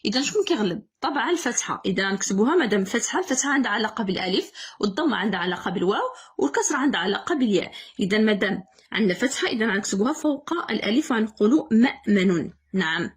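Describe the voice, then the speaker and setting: Brief: young Moroccan woman teacher, fast husky delivery, quizzes herself aloud on grammar rules. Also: mid-range voice, lively intonation. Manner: repeats key words, asks and answers own questions. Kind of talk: exam correction lesson.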